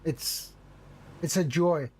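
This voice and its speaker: A man's voice: on the high side, slow pace, darkish tone, slight background noise. A man giving casual, chatty live commentary as a flight sim streamer. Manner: chatty, greets viewers while narrating flying.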